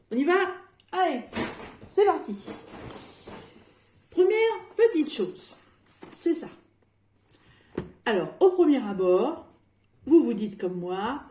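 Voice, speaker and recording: A woman's voice: medium pitch, mellow, echoey room, a little hiss or hum. A woman in her fifties chatting casually through a shopping haul at home, rambling and joking with lots of fillers and repeated words. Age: 50s. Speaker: vlogger showing a shopping haul.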